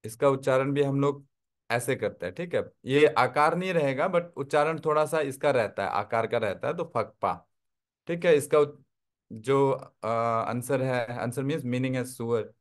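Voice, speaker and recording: At normal speed and in a medium pitch, a man leads an online lesson on Tibetan script, walking through each step and regularly making sure his audience keeps up.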